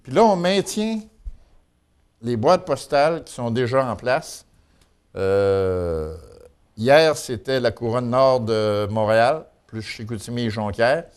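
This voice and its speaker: A man's voice: mid-range voice, lively intonation, takes it slowly, smooth. A man with a Quebec French accent giving an informal local news chronicle in a folksy, colloquial way. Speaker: local news and gossip columnist.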